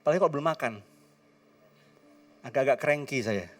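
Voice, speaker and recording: A man's voice: medium pitch, a little fast, far from the mic. A male pastor, preaching a sermon in a church and mixing English phrases into his with playful asides. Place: church hall.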